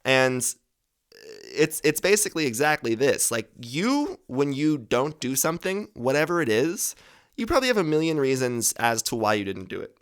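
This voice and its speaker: A man's voice: mid-range voice, big pitch swings, moderate pace, smooth. Young man giving rambling casual advice. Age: 20s. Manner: rambling, swears freely, corrects himself mid-sentence. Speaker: podcast host.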